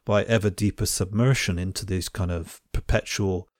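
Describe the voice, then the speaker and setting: In clean studio sound without echo, a university teacher and podcast host discusses ideas in a thoughtful, conversational way, frequently restarting his phrases. His voice sits low with fairly even intonation at a normal speed.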